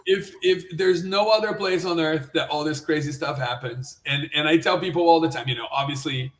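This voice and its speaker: A man's voice: a little high, a little fast. A man from Brazil, a guest in a casual live chat, eagerly agreeing and restarting his sentences.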